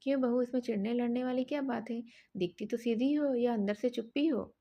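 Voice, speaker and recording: A woman's voice: a little high, brisk, highs cut off, close to an everyday voice. A woman voicing a stern mother-in-law. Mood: scolding. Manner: stern, scolding.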